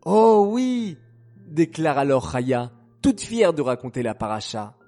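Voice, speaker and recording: A man narrating a children's story slowly and gently, speaking directly to young listeners. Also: medium pitch, sing-song, soft background music. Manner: slow, gentle, addresses children.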